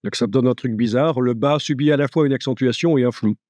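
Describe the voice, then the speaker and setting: Man, live tutorial, chatty, jokey, mid pitch, dry room. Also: fast talker, darkish tone, no room sound. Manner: chatty, jokey, thinks aloud. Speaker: software instructor.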